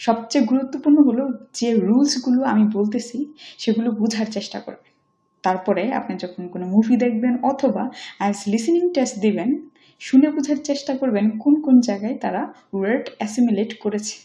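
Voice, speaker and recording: A woman's voice: a little high, dark tone, dull audio. Echoey woman teaching pronunciation. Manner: repeats each example phrase slowly several times. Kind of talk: online pronunciation lesson.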